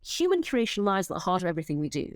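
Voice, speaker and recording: Animated, emphatic middle-aged woman. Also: no room sound. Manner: emphatic, fast pitch with repeated restarts; blunt, swears freely. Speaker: interview guest, company founder. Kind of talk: animated interview talk.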